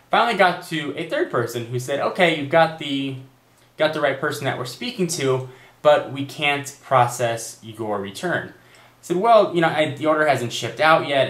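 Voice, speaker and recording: A man's voice: mid-range voice, fairly bright tone. Exasperated man ranting in echoey room. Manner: exasperated storytelling, quoting agents in raised voice. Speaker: tech vlogger. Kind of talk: direct-to-camera rant.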